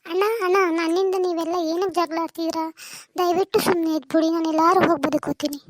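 Squeaky cartoon sister, meek and pleading, quick high voice. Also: fairly even intonation, no room sound. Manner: pleading, self-pitying. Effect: sped-up, high-pitched cartoon voice effect.

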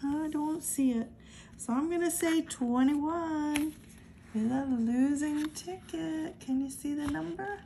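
A woman narrates in a slow, steady, casual way, reading numbers one after another. Her high voice is dark and mellow with a gravelly edge. There is faint noise in the background. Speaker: lottery scratch-off channel host.

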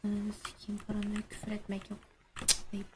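A woman's voice: mid-range voice, monotone, fairly quick. A young woman streaming a horror game, chatting casually with a friend and swearing or shrieking when startled. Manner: jumpy, swears and shouts when scared. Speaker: gaming streamer. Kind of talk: casual let's-play chat. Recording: noisy gaming stream audio.

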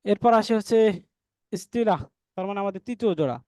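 A man teaching a Quran recitation class, explaining step by step and slowly sounding out letters, and addressing listeners as dear brothers. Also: sits high, expressive, warm tone, no echo, studio quality. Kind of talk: online class lesson.

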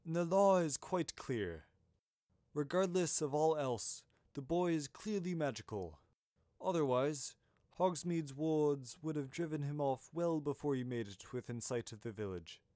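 Man doing a wise old headmaster, gentle but firm, formal, dry close sound. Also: fairly high pitch, lively intonation, unhurried, no echo, voice pushed up.

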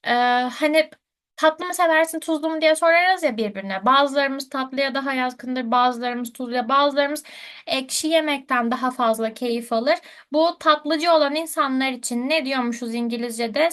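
A woman's voice: high-pitched, moderate pace, a bit bright. A woman teaching a live online English lesson, patiently checking answers with her students.

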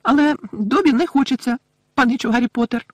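A man voicing a timid, excitable male house-elf servant with a squeaky, servile way of talking in an audiobook. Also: fairly quick, no room sound. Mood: eager squeaky. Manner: squeaky, servile, calls everyone young master.

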